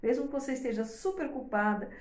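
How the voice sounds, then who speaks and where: A woman's voice: sits high, animated, quick pace, a little mellow. A woman talking casually to mothers, explaining step by step and checking in often with her listeners. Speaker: host giving advice to mothers. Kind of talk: casual advice talk to viewers. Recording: echoey room.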